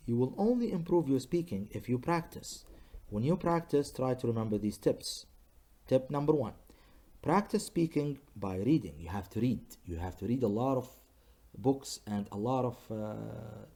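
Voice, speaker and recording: Man teaching an English lesson, warm mellow voice, very lively pitch, patient and repeating. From Libya. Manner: slow, patient, models sentences by repeating them. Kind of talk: recorded classroom lesson for students.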